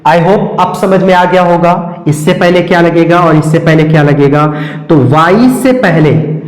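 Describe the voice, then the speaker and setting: A man teaching an English grammar lesson, drilling each word slowly and asking questions he then answers himself. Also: fairly high pitch. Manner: slow, repetitive drilling of words, asking and answering his own questions. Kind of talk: classroom-style grammar lesson. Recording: echoey room with long reverb.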